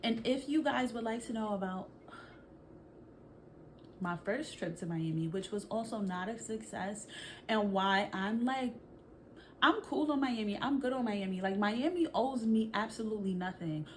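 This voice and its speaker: Brief: young Brooklyn woman vlogger, animated casual storyteller, mid-range voice, faint room noise. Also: medium pitch, moderate pace. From Brooklyn, New York. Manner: animated, chatty, slangy, addresses viewers. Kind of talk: storytime vlog.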